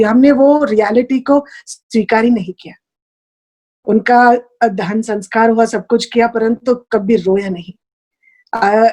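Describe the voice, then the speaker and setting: A woman's voice: a little high, darkish tone. A woman giving an earnest, heartfelt personal spiritual testimony over a video call, slipping in English phrases. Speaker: guest sharing a spiritual experience.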